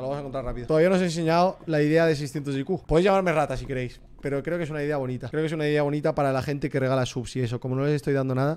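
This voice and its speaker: A young man from Spain with a Spanish accent, commentating a live game stream, excitable and swearing, shrieking when scared and cooing at his in-game pets. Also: a little high, smooth. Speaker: gaming streamer.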